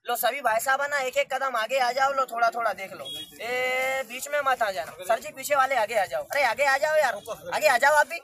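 A young man performing as a street magician, barking patter loudly at a gathered crowd outdoors. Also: very high-pitched, moderate pace. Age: young adult.

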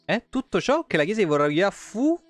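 A very animated man with a high voice reads game lore at normal speed on a dry recording. He's a live streamer in a small home room, colloquial and profane, sometimes tripping over lines and correcting them, with faint music underneath.

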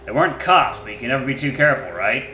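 A man's voice: mid-range voice, expressive, fast talker, sharp tone, a little hiss or hum. A man voicing a crude, ill-tempered male wolf being questioned, with blunt, clipped answers full of swearing. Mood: grumbling. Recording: echoey room with faint music.

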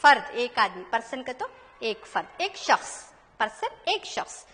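A woman's voice: a little high, very animated, measured pace, bright, forceful tone, long reverb tail. A woman with an Indian accent teaching English plurals to children, mixing Hindi-Urdu and English, spelling out words letter by letter and asking questions as she goes. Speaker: primary school English teacher.

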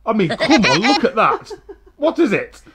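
A man's voice: sits high, huge pitch swings, normal speed. A middle-aged British man chatting casually and teasingly for a family vlog. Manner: playful, teasing. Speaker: vlogging father. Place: small furnished rooms of a house, later inside a car. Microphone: handheld camera at arm's length. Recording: faint background noise, handheld camera.

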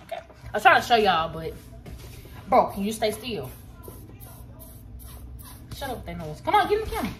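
A woman's voice: mid-range voice, huge pitch swings, normal speed, pauses often. A young woman making a casual cooking vlog in her home kitchen, filming on a phone and bossing and teasing the kid helping her in a slangy way. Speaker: vlogger. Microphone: phone camera. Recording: echoey kitchen with clear noise.

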